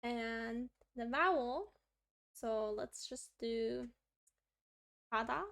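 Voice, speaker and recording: This woman's voice is fairly high and a bit bright with vocal fry, and she takes her time. Live-streaming her language study, she reads the lesson aloud and chats upbeat to herself as she writes examples.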